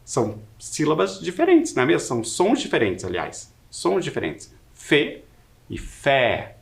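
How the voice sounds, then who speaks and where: A man with a Brazilian Portuguese accent teaching an adult-education Portuguese lesson, repeating words slowly to model pronunciation. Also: fairly high pitch, huge pitch swings, creaky. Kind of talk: recorded video lesson.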